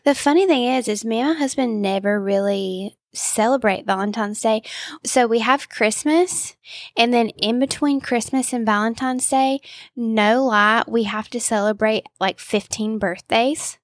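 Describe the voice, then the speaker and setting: A woman's voice: fairly high pitch, a little slow, dry recording. A woman co-hosting a podcast in casual, slangy, informal conversation. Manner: informal, slangy, filler "like" throughout. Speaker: podcast co-host. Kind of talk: casual chat.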